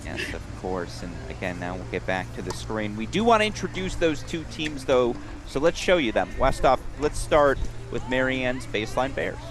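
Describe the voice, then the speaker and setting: A man's voice: medium pitch, very animated, normal speed, few pauses. A man hosting a tennis camp event, interviewing counselors and narrating the action with upbeat enthusiasm. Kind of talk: live event commentary and interviews. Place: outdoor tennis courts. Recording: music playing behind.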